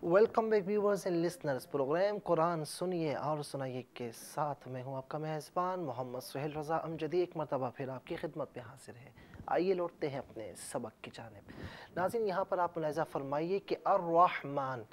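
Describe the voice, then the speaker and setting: A man hosting a TV lesson on Quran recitation, explaining rules carefully and drawing out words letter by letter. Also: on the high side. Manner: measured teaching, drawn-out letter-by-letter recitation. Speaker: TV Quran teacher and host.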